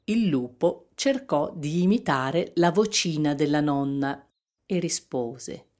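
A woman reading a fairy tale aloud as narrator, in a calm, measured storytelling manner. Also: deep voice.

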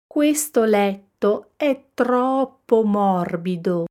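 A woman's voice: medium pitch, lively intonation, drawn-out words, a little mellow, voice pushed up. A woman voicing the fussy little girl Goldilocks in a storybook reading. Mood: complaining. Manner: fussy, complaining.

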